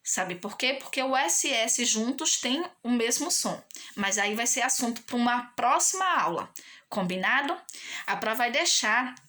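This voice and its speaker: Bright high-voiced teacher talking to children. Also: female voice, animated. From Brazil. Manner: patient and sing-song, asks many tag questions; stretches key words slowly for children. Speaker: primary school teacher. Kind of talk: recorded online lesson for young children.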